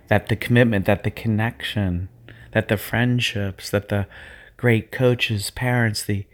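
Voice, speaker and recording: A middle-aged man with a low, gravelly voice leads a guided visualization at an unhurried crawl. His phrasing is hushed and soothing, looping back on itself in gentle repetitions. He sounds like a guide easing a listener into a calm, focused trance. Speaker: guide leading a sports visualization.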